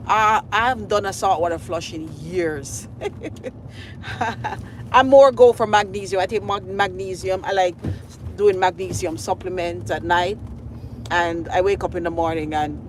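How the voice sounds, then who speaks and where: Slow-talking woman chatting live. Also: fairly high pitch, a little hiss or hum. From Jamaica. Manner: chatty and rambling, many fillers, laughs often. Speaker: food blogger host. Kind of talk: live-stream chat with viewers. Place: outdoors at a scenic lakeside.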